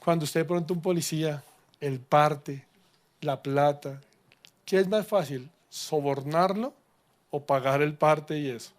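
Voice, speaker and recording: A middle-aged man, preaching a lively sermon with humor and questions to the congregation. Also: fairly high pitch, measured pace. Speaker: pastor.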